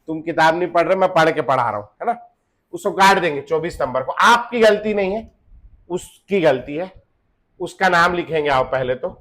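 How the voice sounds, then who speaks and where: Joking with his students and dropping in English phrases, a chemistry teacher keeps posing questions during his lecture and answering them on his own. His voice is fairly high-pitched and a bit bright.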